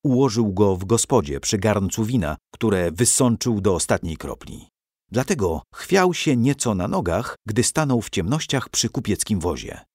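A man reading a children's adventure audiobook aloud with expressive storytelling. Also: fairly low pitch, normal speed, no echo, studio quality. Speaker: narrator.

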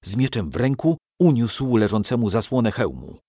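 A man narrating a historical story for children in an expressive, dramatic reading. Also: mid-range voice, normal speed, breathy edge, no echo, studio quality.

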